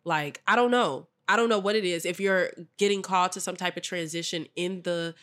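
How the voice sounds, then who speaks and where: A woman's voice: fairly low pitch, a little fast. A young woman co-hosting a podcast, chatting casually in slang and giving thoughtful advice. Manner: relaxed, slangy, reflective when giving advice. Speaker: podcast co-host.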